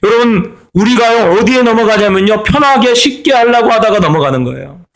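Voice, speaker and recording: A man's voice: high-pitched, lively intonation, a little fast, fairly bright tone. A middle-aged man preaching a sermon as pastor, stressing and repeating his key phrases.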